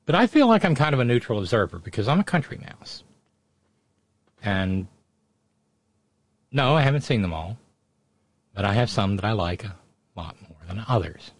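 A man's voice: on the low side, big pitch swings, normal speed, long pauses, dry recording. A man hosting casual live political commentary in a sardonic, mocking manner. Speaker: host of political commentary show.

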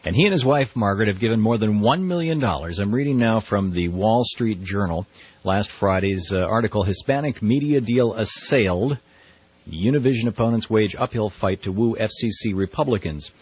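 Husky low-voiced American talk radio host, man. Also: fairly quick, dry recording. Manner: conversational, explanatory. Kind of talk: live talk radio monologue. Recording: dull lo-fi radio recording.

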